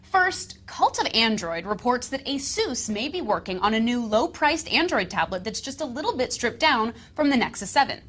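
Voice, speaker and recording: A woman's voice: a little high, sing-song, normal speed, hardly any pauses, a bit bright, faint music behind. A woman co-hosting a scripted tech rumor show with wry, skeptical banter.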